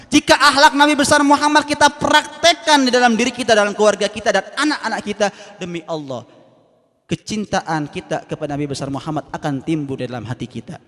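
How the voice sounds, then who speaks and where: A man's voice: high voice, a bit bright. A male preacher giving a sermon, rousing the crowd and calling questions out to the listeners. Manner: rousing, calls out questions to the audience. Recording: reverberant hall.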